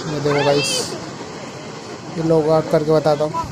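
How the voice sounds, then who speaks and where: Young man, casual travel vlog, flat delivery, phone audio with noisy outdoor background. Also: on the high side, unhurried, a loud crowd. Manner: excited tour-guide patter, repeats "guys". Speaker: vlogger. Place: outdoors at a waterfall viewpoint. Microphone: phone camera. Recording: phone video with outdoor noise.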